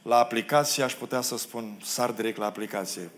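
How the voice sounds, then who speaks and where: A pastor from Romania preaching a sermon in a church, acting out the quoted biblical figures and making self-deprecating asides to the congregation. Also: male voice, mid-range voice. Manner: expressive preacher who acts out the biblical quotes. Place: church hall.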